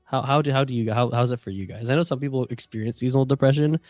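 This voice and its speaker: A man's voice: medium pitch, very fast, darkish tone, no echo, studio quality, faint music behind. Rambling man hosting a tabletop show. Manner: rambling, many fillers and restarts. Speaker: host. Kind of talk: casual chat opening a tabletop game show.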